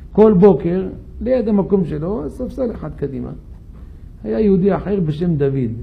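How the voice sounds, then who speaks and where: A man's voice: high voice, gravelly, phone-quality sound, slight background noise. A man, a rabbi, telling a story in a synagogue sermon and questioning his listeners. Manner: animated, questions the audience.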